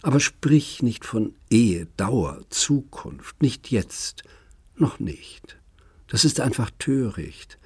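A man reading the part of a gentle, hesitant woman, speaking softly and partly in a whisper. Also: mid-range voice, lively intonation, takes it slowly, few pauses, slightly rough, no echo, pitched above the performer's own voice, exaggerated voice. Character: woman, gentle and hesitant, the older man's lover.

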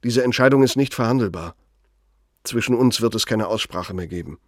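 In a radio drama, an actor plays a proud, embittered older German man, a betrayed confidant delivering deliberate, sardonic reproach. His gravelly, husky voice sits lowish, lightly acted, with a cold, resolute mood.

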